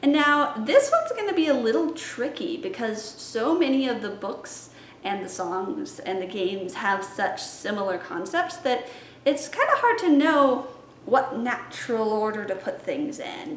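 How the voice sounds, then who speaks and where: Very animated and a little slow, a young woman with a slightly high voice talks viewers through her plans for story time as a children's librarian. She plays around, singing and chanting rhymes, in an echoey room with faint music and a little hiss or hum.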